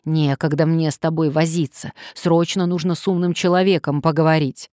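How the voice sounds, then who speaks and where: A woman's voice: low-pitched, fairly even intonation, normal speed, a little mellow, dry recording, studio quality, close to an everyday voice. A woman reading an audiobook, voicing a pushy woman sleuth who barks orders in a commanding tone. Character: determined, bossy woman sleuth, middle-aged.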